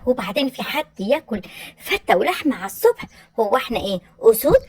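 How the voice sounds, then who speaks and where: An actress playing a loud, blunt working-class mother-in-law with an Egyptian accent in a comedy sketch. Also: fairly high pitch, big pitch swings, fast talker, slightly rough. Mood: indignant.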